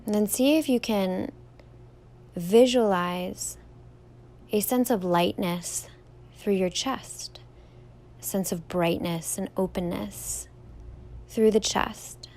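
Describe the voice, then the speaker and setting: A young woman, a yoga teacher, leading a standing guided meditation in a slow, gentle, soothing way, drawing words out softly. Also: medium pitch.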